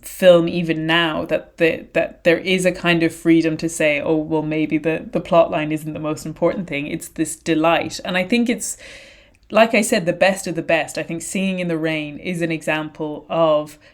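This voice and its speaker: A woman with a fairly low voice talks through her ideas on a podcast, relaxed and conversational. She circles back on herself and restarts her sentences as she thinks aloud, with no hurry. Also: moderate pace. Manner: thoughtful, wandering sentences with frequent restarts. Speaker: podcast co-host. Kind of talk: casual conversational podcast chat.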